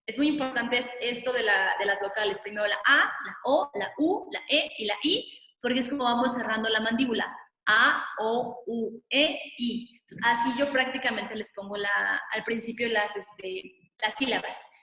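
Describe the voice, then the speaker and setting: A woman speech therapist, patiently explaining in a webinar and sounding out syllables slowly. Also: a little high, pushed and bright. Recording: echoey room, long reverb.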